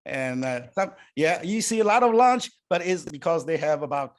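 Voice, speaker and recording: An older Taiwanese-born man, whose first language is Chinese, is a guest answering interview questions in English. His speech is halting, full of fillers and restarts, and his voice is a little high with a sing-song quality.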